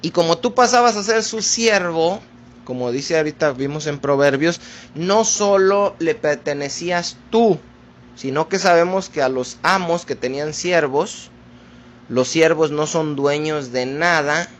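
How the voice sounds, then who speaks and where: Slow preacher with faint hiss. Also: male voice, fairly high pitch. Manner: addresses listeners as brothers, slow deliberate teaching. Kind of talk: sermon.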